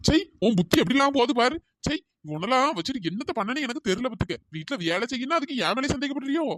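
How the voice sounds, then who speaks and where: A voice actor playing a tall, exasperated husband in a comic cartoon, bickering and then pleading through a pitch-shifted cartoon voice. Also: big pitch swings, fast, slight background noise. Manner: scolding, then fawning and pleading. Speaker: cartoon character.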